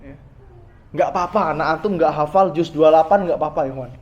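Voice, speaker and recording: Guy giving a chatty religious talk, kinda high voice, keeps asking the crowd stuff, muffled lo-fi sound. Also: quick pace, darkish tone. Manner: talks directly to the listeners, asking them questions. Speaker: Islamic preacher. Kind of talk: conversational religious lecture.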